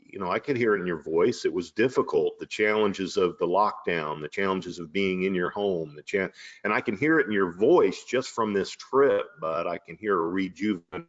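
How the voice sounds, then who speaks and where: Deep-voiced host, dull lo-fi audio. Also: male voice, moderate pace. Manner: warm, affirming, rambling with fillers. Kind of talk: casual chat.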